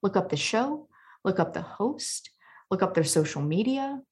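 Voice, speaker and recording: A woman guest on a podcast, giving advice in an energetic, emphatic coaching way. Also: mid-range voice, moderate pace. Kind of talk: conversational interview.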